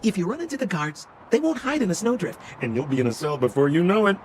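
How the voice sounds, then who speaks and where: A man voices a slick, theatrical con-man relic dealer for a video game, talking fast in a high voice with big pitch swings. His salesman patter is glib, wheedling and confiding, with a little hiss or hum in the recording.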